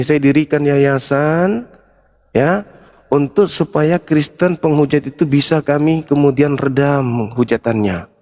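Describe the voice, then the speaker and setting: Middle-aged guy hosting a heated live debate, pretty high voice, combative and mocking, laughs at the other side. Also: a little mellow. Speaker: debate show host, foundation founder.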